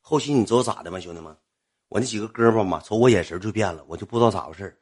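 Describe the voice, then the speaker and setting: A man with a Northeastern Chinese accent telling a comic story in a rambling, colloquial, animated way. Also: fairly low pitch, very fast, slightly rough.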